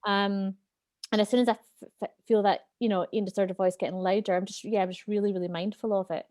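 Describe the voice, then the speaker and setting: A woman's voice: medium pitch, fast talker, no echo, clean studio sound. A woman wellbeing expert talking earnestly and openly as an interview guest. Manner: earnest, open, animated. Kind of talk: candid interview talk.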